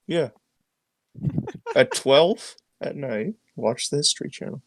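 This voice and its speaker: Young male co-host, deadpan absurd humor, average pitch, dry close voice-call recording. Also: slow pace, dry recording. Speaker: podcast co-host. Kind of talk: casual chat. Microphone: computer mic on a voice call.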